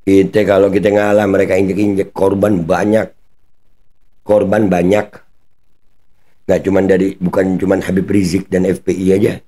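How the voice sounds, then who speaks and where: A man's voice: deep voice, little pitch movement, moderate pace, pauses often, warm tone. A man giving heated commentary as a channel host, talking bluntly in mocking street slang and swearing now and then.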